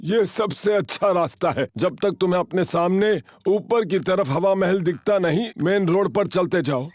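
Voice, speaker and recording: High-voiced old grandpa pig man acting. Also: moderate pace, a little mellow, no echo, lightly acted. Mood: cheerful, helpful. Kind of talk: children's cartoon dub acting.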